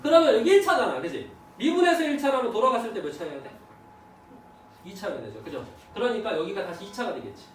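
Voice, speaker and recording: Man, math teacher, lively classroom lecture, faint room hum, heavy echo. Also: high-pitched, fast talker, recorded from a distance. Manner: lively, checks understanding with students.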